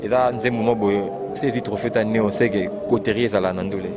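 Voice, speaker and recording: A man with a Congolese French accent in an animated, repetitive casual chat about music, exclaiming often. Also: lowish voice, quick pace, heavy background noise. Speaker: fan discussing rumba music. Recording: loud music playing behind.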